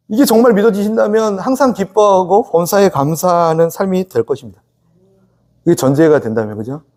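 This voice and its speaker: In a church sanctuary, a male pastor with a high, slightly mellow voice gives a Sunday sermon. He keeps it conversational and interactive, often asking the congregation to respond, and voices both the sons and the father in quoted speech.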